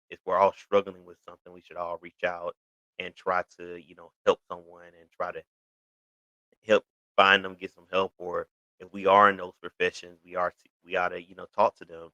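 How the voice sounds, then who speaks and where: A man's voice: low voice, bright, forceful tone, clean tone, no room sound, low-quality recording. A man of thirty hosting his own show, talking casually to camera and rambling with lots of "you know" fillers and restarts. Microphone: video recording for an online channel.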